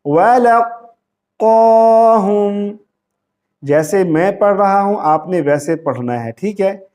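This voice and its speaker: A man teaching Quran recitation, reciting each word slowly in a melodic chant, repeating it, and adding plain spoken instructions. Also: a little high, expressive, a little mellow. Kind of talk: slow step-by-step recitation lesson.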